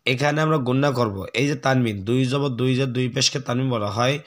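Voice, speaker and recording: Man teaching slow verse recitation. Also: medium pitch, steady tone. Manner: slow drawn-out recitation between quick explanations; clears throat often. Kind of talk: spelling out and reciting verses in a lesson.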